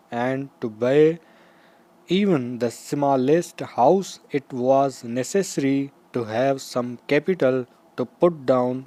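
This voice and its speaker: A man reading a slow school dictation aloud, in measured, deliberate short phrases with pauses. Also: mid-range voice, darkish tone, no room sound. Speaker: dictation reader. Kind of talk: slow school dictation, read aloud with punctuation marks spoken.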